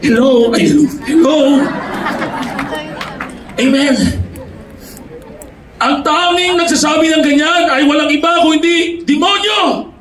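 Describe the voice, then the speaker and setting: A man with a Filipino accent preaching a youth sermon, often shouting and calling for amens, switching between English and Tagalog. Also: very high voice, takes it slowly, pauses often. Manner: shouting, calls for amens from the crowd; mixes English and Tagalog mid-sentence. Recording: echoey hall, voice far from mic, crowd and noise.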